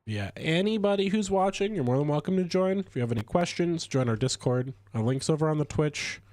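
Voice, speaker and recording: A man chatting casually while streaming a game, stuffy from a cold, rambling with lively swings in pitch. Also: brisk, no echo, studio quality. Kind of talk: casual gameplay commentary.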